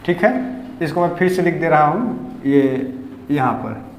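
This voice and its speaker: A man's voice: fairly high pitch, animated, a little slow, a little hiss or hum. A man teaching a classroom grammar lesson, repeatedly quizzing his students and correcting their pronunciation. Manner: drills students with repeated questions. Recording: echoey classroom with long reverb.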